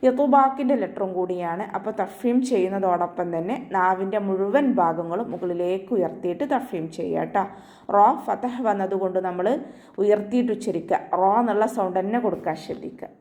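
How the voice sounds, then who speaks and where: A woman teaching Quran recitation in an online class, explaining each sound step by step with gentle reminders. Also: medium pitch, brisk. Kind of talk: online tajweed lesson.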